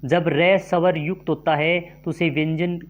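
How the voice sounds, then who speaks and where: Reading multiple-choice grammar questions and options aloud for exam prep, a man with a somewhat high voice then explains each answer slowly and deliberately. He's a teacher with fairly even intonation, and the audio is narrow and tinny.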